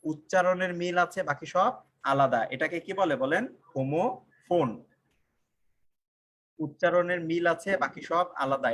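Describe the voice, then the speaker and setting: A young man teaches English live online, his voice a little higher than most men's. He throws questions at the viewers and answers them himself, saying the key lines twice. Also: a bit bright.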